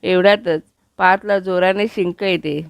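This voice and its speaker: A woman retelling a TV serial episode as a steady storytelling recap, speaking close to the mic. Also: lowish voice, moderate pace, vocal fry, smooth, dry recording.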